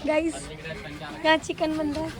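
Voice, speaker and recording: A young woman with a hoarse voice chatting playfully to her viewers on a phone camera from a busy family rooftop. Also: high-pitched, completely flat delivery, moderate pace, background noise. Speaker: vlogger. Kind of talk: casual vlog chat. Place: home rooftop with family around. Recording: crowd of family chatter behind.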